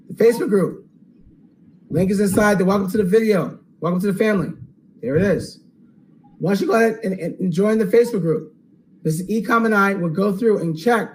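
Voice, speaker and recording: A man hosting a live webinar Q&A, upbeat and salesy, checking in with "okay?" and going hoarse. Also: high voice, a little mellow, a little hiss or hum, poor audio. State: losing his voice. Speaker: online course host.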